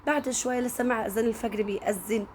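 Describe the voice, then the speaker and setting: A woman's voice: fairly high pitch, fairly even intonation, rapid-fire, slight background noise. A woman with an Egyptian accent telling a story in a casual, chatty way, often turning to speak directly to her listeners. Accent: Egyptian Arabic.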